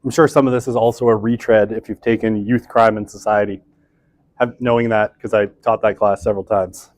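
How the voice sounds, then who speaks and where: A man in his thirties with a lowish, level, slightly mellow voice lectures briskly, with no echo, in an old university lecture room. His casual talk is chatty, self-deprecating and full of fillers, and the podium microphone barely picks him up.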